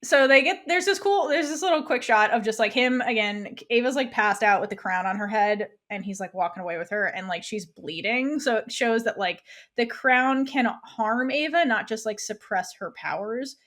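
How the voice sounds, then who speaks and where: A woman's voice: a little high, normal speed, a bit bright. A woman co-hosting a podcast, chatting casually as she retells an episode and acts out the characters' lines. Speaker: podcast co-host. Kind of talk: casual chat recapping a TV episode.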